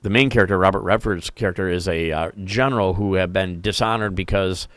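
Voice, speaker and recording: A man's voice: sits low, fairly quick, fairly bright tone, no room sound, clean studio sound. A man hosting a podcast in casual chat, rambling through stories with many fillers and restarts. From Kenosha, Wisconsin. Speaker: podcast host.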